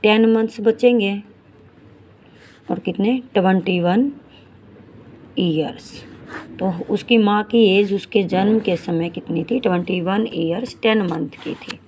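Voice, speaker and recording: A woman in her forties teaching a maths lesson, reading English word problems slowly and explaining each step in Hindi, calling her students beta. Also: medium pitch, a little mellow, a little hiss or hum. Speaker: math teacher.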